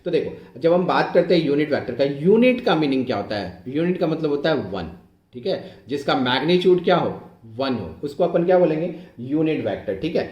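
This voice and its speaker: A male physics teacher giving an online exam-prep lecture, explaining slowly and repeating himself, often asking whether it is clear and dictating English phrases word by word as he writes. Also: fairly high pitch, lively intonation, a little mellow, echoey room, highs cut off. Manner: slow, repetitive, keeps asking if it is clear.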